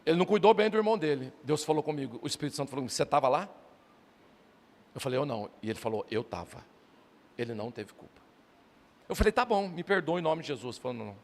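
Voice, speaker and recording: A man's voice: a little high, animated, very fast. A middle-aged male pastor preaching a sermon, emphatic and repeatedly calling out to his listeners as brothers. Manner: emphatic preaching, often addressing "irmãos". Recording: long reverb of a church hall.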